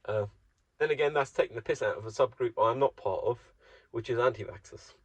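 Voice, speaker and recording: A man from Germany rambles through a casual solo monologue, drifting from one thought to the next with a wry, self-mocking edge. His voice sits at an ordinary middle pitch. The recording sounds muffled and dry, as if captured close with no room around him. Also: a little fast, dry recording. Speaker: solo vlogger.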